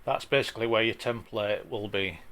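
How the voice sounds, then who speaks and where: A man with a broad Yorkshire accent talking through an informal software tutorial in a plain-spoken, chatty way, with a gravelly voice. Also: fairly low pitch, steady tone, normal speed. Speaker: tutorial presenter.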